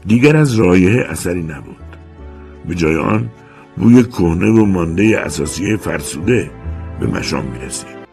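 A man narrating a story in an expressive, dramatic manner. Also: deep voice, faint music behind. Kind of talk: scripted audiobook narration.

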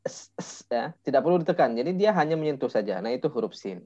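A male Quran recitation teacher coaching a student one-on-one, patiently demonstrating sounds slowly and filling pauses with "eh". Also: mid-range voice, sing-song, warm tone. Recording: dull lo-fi voice message audio.

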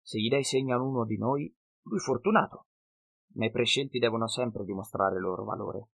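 A man voicing a cunning half-blood northern wanderer who speaks slow, broken, ungrammatical sentences in an audiobook. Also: medium pitch, vocal fry, fairly bright tone, breathy edge. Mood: philosophizing.

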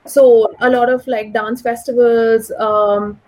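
A woman's voice: fairly high pitch, little pitch movement, slow, darkish tone, rough recording. A woman of about thirty with a posh, educated Delhi Indian English accent, giving articulate, opinionated answers in a conversational interview, often saying "like" and "you know". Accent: educated urban Delhi Indian English, posh. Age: around 30. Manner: articulate, opinionated, frequent 'like' and 'you know'. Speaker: interview guest, economist.

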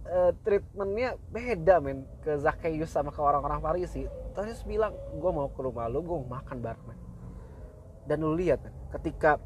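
Slangy young man, high-ish voice. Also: a little hiss or hum, low-quality recording. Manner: slangy, laid-back, many fillers and laughs. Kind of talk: casual faith talk.

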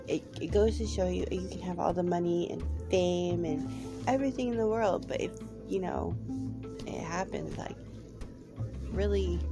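A woman with a lowish voice and vocal fry delivers a personal monologue on her own podcast. She speaks candidly, hesitating with frequent ums, and a cold makes her sound slightly off.

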